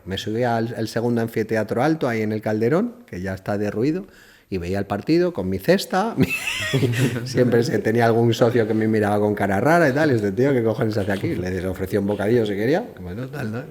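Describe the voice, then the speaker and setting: Man from Spain telling lively anecdotes. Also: fairly low pitch. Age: middle-aged. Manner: lively anecdotes, acts out dialogue, laughs often. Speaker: podcast guest telling his story. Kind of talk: casual storytelling.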